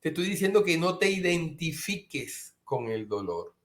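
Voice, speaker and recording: A man's voice: a little high, very animated, moderate pace, fairly bright tone. A middle-aged man preaching a sermon as a pastor, earnest, sometimes acting out his listeners' objections. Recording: echoey room.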